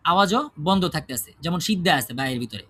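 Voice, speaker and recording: A man teaches a class with a high-pitched voice. He asks the students questions and answers them himself. He keeps checking whether they follow him. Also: lively intonation, fast, bright, forceful tone. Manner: checks understanding with frequent tag questions. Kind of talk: classroom lesson on Quran recitation rules.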